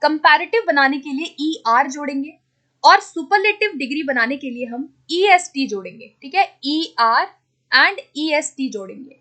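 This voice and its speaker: A woman teacher giving an exam-prep grammar lesson, asking questions and then answering them, checking in often, and spelling out example words slowly. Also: high voice, lively intonation, bright, forceful tone.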